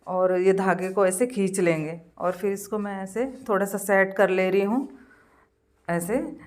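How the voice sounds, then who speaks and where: Slow, hoarse woman gently narrating her routine. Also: medium pitch, fairly even intonation. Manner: slow, homely step-by-step explaining with many pauses and fillers. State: hoarse from a cold. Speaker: home vlogger. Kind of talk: casual voice-over narration of her daily routine and sewing.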